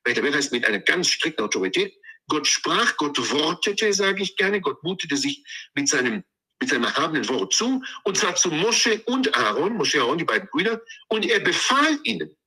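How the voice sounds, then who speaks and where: A man's voice: a little high, big pitch swings, fairly quick, bright, forceful tone, husky, poor audio. A man giving an emphatic, sermon-like Torah commentary, drawing words out and repeating phrases for stress. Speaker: Torah teacher.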